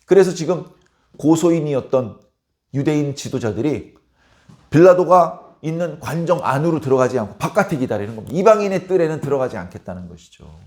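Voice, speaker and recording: An animated pastor, a middle-aged man, preaching a dawn sermon. His voice rises and falls widely and sits a bit high for a man. He presses each point hard with rhetorical questions. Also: fairly quick.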